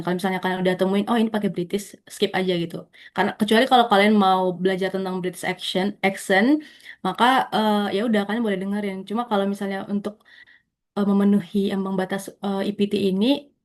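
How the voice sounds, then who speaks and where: A woman's voice: mid-range voice, a little mellow. A young woman speaking over a video call, giving friendly, casual advice to students in a question-and-answer session. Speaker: webinar speaker.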